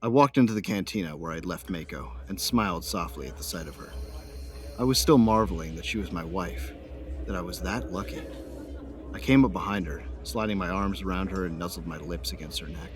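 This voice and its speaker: In a science fiction audio drama, a man narrates in first person as a young newlywed starship captain, a loyal son of smugglers and devoted husband. His low voice is a little fast and lightly acted, earnest and tender, with background noise present.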